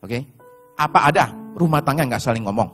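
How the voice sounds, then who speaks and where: A man preaching a sermon as pastor, telling stories and addressing the congregation directly, sometimes shouting in put-on voices. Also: mid-range voice, lively intonation, brisk, soft background music.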